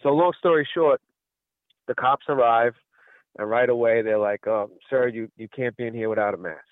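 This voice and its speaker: A man's voice: mid-range voice, moderate pace, no echo. Guy calling into a radio show, rambling story, plays out the back and forth, thin phone-line sound. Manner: rambling storyteller who acts out quoted exchanges. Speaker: caller. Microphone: telephone. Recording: tinny phone line, dry.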